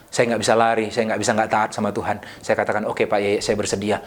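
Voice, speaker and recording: A man preaching a sermon in a church service, telling a humorous personal story, switching between loud preaching and quiet asides. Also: on the low side. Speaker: pastor.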